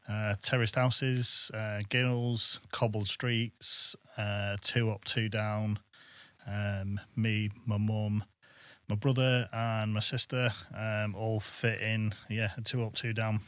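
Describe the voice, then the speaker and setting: Interview guest, middle-aged Manchester man, low and flat, hesitant. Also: smooth, no room sound. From England. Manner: plain, hesitant, with fillers. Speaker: army veteran guest. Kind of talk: casual interview answers.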